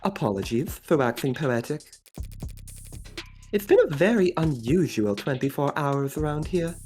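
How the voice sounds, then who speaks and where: A woman's voice: low-pitched, lively intonation, moderate pace, warm tone. A woman voicing a cool, composed corporate executive with a posh Australian accent, reading game dialogue. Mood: wistful, composed. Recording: music playing behind the voice.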